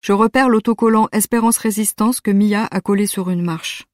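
A woman's voice: mid-range voice, moderate pace, a little mellow, dry recording, studio quality. Woman reading a youth novel aloud. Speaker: audiobook narrator. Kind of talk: scripted narration of a youth novel.

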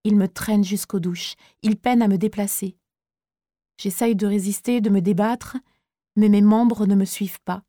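Quiet, weary woman narrating. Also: medium pitch, steady tone, unhurried, no room sound, studio quality. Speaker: audiobook narrator. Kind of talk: first-person audiobook narration.

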